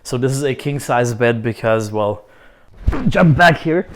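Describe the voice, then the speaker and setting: Showing viewers around his apartment indoors, a young Croatian man chats casually in an expressive, mid-range voice at a slightly slow pace, cracking jokes and chuckling a lot.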